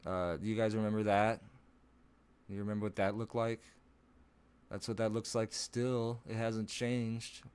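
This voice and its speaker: There's a slightly mellow, clear and resonant quality to this man's low voice, though it breaks into odd higher notes now and then. He rambles casually on a live stream from home, swearing and laughing at himself.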